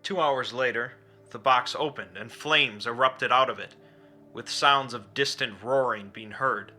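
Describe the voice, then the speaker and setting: Bright, forceful male narrator over music. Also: mid-range voice, a little slow. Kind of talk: scripted dramatic explainer narration. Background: background music.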